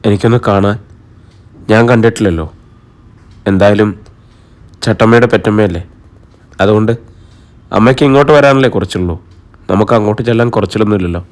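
A man reading an audiobook, voicing a shy, tender young wife in a soft, quiet voice. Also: fairly low pitch, a little fast, long pauses, pitched below the performer's own voice, natural voice. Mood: hesitant.

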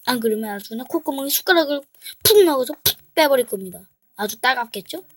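A woman's voice: high-pitched, fairly bright tone, no room sound, low-quality recording. A woman casually walking through a game trap, playful and teasing, with jokey mock threats. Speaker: gameplay creator. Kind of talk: casual game walkthrough commentary.

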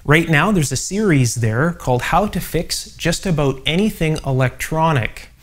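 A man's voice: on the high side, lively intonation, normal speed, fairly bright tone. A middle-aged man hosting an electronics channel, thinking aloud with many fillers as he demonstrates an old device in a home workshop. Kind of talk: casual workbench demonstration.

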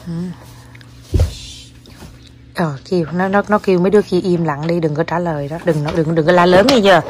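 A woman's voice: fairly low pitch, brisk, over music. A mother with a Quảng Nam Vietnamese accent, playfully coaxing and teasing her child at home. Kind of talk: casual family chat. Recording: noisy home recording with clicks.

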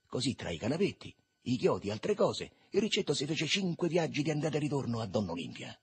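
A man reading a literary novel aloud in a lively, expressive way. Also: medium pitch, quick pace, husky. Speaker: reader.

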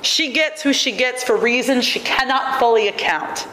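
Speaking at a podium microphone in a large auditorium, a woman in her thirties delivers a prepared academic keynote in a fairly high, sharp-toned voice, measured and wryly emphatic. The roomy sound has a long reverb tail with faint hiss of room noise behind it.

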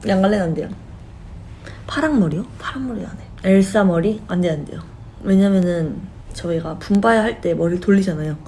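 Young woman, live-stream host, loose friendly chat, laughs a lot, warm low-key timbre, faint background noise. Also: rough recording. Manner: chatty and giggly, laughing often.

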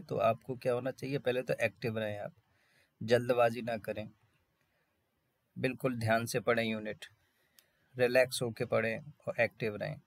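Creaky-voiced male English teacher. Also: mid-range voice, no echo. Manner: explains in Hindi, reads English lines slowly. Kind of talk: online vocabulary lesson.

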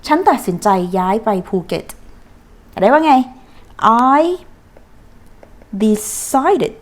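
A woman English teacher giving a lesson, her voice swinging through a wide, animated pitch range. She counts her students in and drills sentences, stretching the English phrases out slowly so they can repeat.

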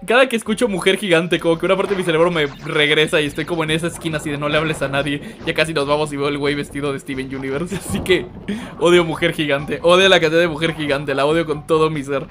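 A young man with a Mexican Spanish accent, telling funny stories and commenting on gameplay with loud, animated outbursts. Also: a little high, quick pace, over music. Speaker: gaming streamer. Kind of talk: comedic storytelling and gameplay commentary.

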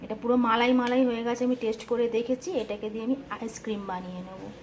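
A woman's voice: on the high side, steady tone, quick pace, slight background noise. Chatty woman vlogging at home. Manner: chatty, addresses viewers directly, scolds kids loudly. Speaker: family vlogger. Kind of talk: casual home vlog chat. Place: family home and kitchen.

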